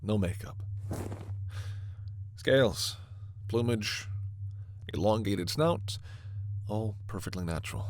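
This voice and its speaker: A voice actor with a fairly low pitch plays a formal alien scientist in a sci-fi ASMR roleplay. He sounds stern and authoritative yet reassuring, calm and formal, with measured, precise diction.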